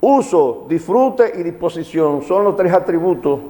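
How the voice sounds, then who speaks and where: A man's voice: a little high, animated, unhurried, warm tone. A man with a Caribbean Spanish accent from the Dominican Republic explains legal matters didactically on a television programme, repeating his key points. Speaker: magistrate, legal commentator on a TV programme. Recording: reverberant hall-like sound.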